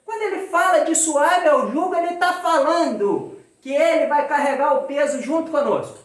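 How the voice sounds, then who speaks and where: A woman's voice: high voice, normal speed, far from the mic. Brazilian woman preaching in an echoey hall. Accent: Brazilian Portuguese. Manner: rhetorical questions to the audience. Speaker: spiritist lecturer. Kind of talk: spiritist sermon. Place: spiritist center hall.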